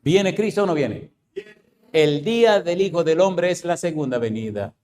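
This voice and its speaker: A male pastor preaching a sermon, hammering his congregation with repeated rhetorical questions and swinging between loud, high outbursts and slow, low statements. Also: lively intonation.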